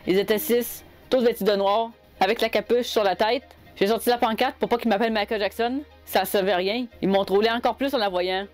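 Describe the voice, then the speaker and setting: A woman's voice: mid-range voice, fairly even intonation, a little mellow, faint music behind. A young woman with a Québécois French accent, telling cosplay stories to camera in a chatty, exasperated way. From Quebec. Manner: chatty, exasperated, quick asides. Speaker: cosplay vlogger. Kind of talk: casual storytelling to camera.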